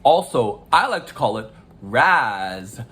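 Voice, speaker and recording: A man working as a life coach, explaining a topic in a casual video, talking in a playful, animated way and often laughing. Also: medium pitch, slow.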